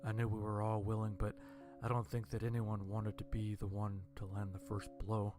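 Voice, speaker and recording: A man narrating a first-person horror story in a dry, deadpan way. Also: fairly low pitch, moderate pace, over music.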